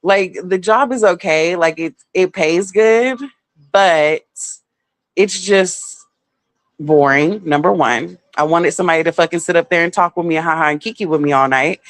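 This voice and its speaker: A woman's voice: on the low side, normal speed, no room sound. A woman telling a personal story in a casual vlog, candid and heavily profane, full of filler words.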